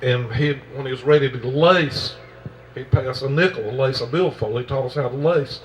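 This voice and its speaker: A man's voice: medium pitch, moderate pace, distant mic, poor audio. A man telling folksy stories, chuckling and drawling as he acts out the people in them. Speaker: storyteller. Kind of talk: folksy storytelling. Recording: voice from off mic, faint room noise.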